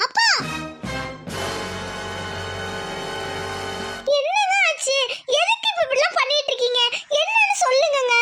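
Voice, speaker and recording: A woman doing a pleading village mother, very high. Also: animated, moderate pace, music in the background. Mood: anxious. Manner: pleading, anxious. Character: worried village mother, middle-aged woman.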